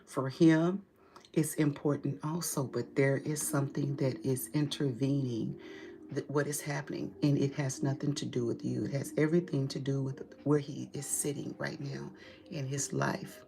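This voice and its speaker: A woman's voice: very deep voice, fairly even intonation, normal speed, vocal fry. A woman giving a tarot reading straight to her client, direct and emphatic, with casual swearing. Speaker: tarot reader.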